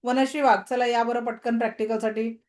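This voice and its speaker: A woman teaching an online reiki class, giving calm, repetitive guided-healing commands over a video call. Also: fairly high pitch, brisk.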